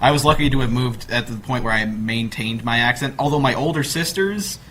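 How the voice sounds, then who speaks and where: An American man hosting a casual chat, talking in an animated way. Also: mid-range voice, a little fast, background noise. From northern US state.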